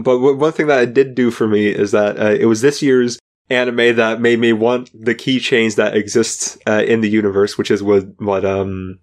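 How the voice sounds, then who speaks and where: Dry-joking male podcast co-host. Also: fairly low pitch. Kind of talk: casual chat.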